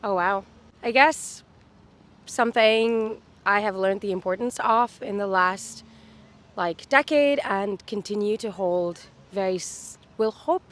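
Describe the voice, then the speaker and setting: Speaking in a medium-pitched, unhurried voice, a Dubai woman in her thirties is a cheerful street interview guest. She chats casually outdoors on a city street with many fillers.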